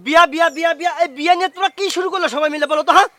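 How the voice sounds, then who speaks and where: Brief: high-pitched, rapid, pompous village playboy played by a man, music behind. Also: lively intonation, background noise. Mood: evasive. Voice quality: loud, pompous and fast-talking. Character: boastful young village chairman's son, womanizer. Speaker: chairman's son. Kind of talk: village comedy drama acting.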